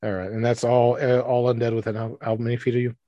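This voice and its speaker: A man's voice: mid-range voice, level tone, no room sound, dull audio. A man runs a tabletop game as game master, tallying dice and stretching his scene descriptions out with theatrical weight. His voice sits dry and close, with almost no room around it. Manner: dramatic, drawn-out narration.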